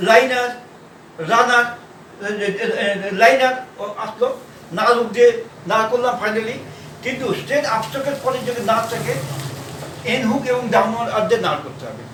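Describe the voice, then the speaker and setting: A man teaching shorthand in a classroom style, pausing and repeating words as he writes out examples. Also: extremely high pitch, a bit bright, slight background noise. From India. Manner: halting, repeats words while writing. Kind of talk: classroom lesson. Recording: echoey room, mic far off.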